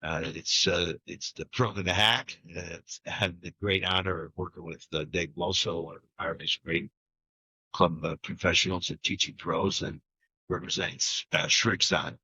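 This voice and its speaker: A man's voice: low-pitched, steady tone, moderate pace, pushed and bright, slightly rough, dry recording, dull audio. A man co-hosting a golf podcast, telling rambling stories in casual chat with frequent restarts. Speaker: podcast co-host.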